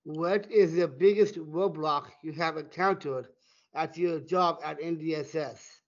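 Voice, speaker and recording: A man in his twenties, the board's vice chair, reading prepared lines slowly and deliberately. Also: on the high side. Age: 20s. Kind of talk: reading scripted podcast lines. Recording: dull lo-fi sound.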